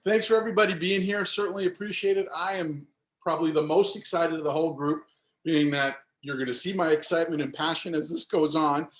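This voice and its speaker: Brief: chatty Northeastern sales director, slightly high voice, roomy echo on a video call. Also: male voice, steady tone, brisk. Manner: chatty, upbeat, filler-heavy. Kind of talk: webinar presentation.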